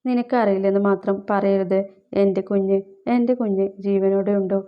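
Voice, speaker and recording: A woman's voice: medium pitch, steady tone, moderate pace, close to an everyday voice. A woman voicing a grieving young husband who pleads bitterly for news of his missing wife, on a slightly dull recording. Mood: pleading.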